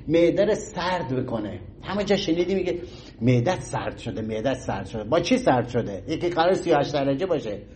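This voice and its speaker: Animated man giving a folksy health talk. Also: on the high side, a little hiss or hum. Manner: animated, folksy, acts out little scenes. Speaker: health lecturer.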